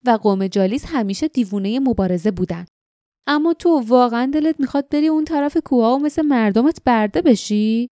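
A woman's voice: a little high, lively intonation, dark tone, no echo, studio quality, lightly acted. Sly sneering little man, as a woman reader puts him on. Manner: sneering, taunting, drawn-out. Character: sly mocking small man, sneering schemer.

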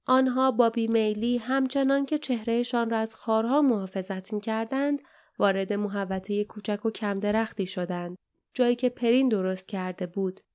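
A woman narrating an audiobook in a calm, steady storytelling voice. Her tone is smooth and clean, and sits somewhat higher than most. She reads at an unhurried, even pace. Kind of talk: scripted narration.

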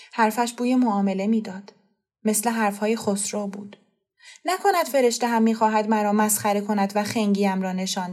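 A woman narrating a novel in a calm, measured storytelling voice. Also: mid-range voice. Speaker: audiobook narrator. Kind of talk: scripted literary narration.

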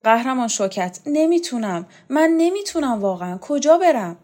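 A woman voicing a pleading, desperate young man. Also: lightly acted. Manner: high, strained, begging.

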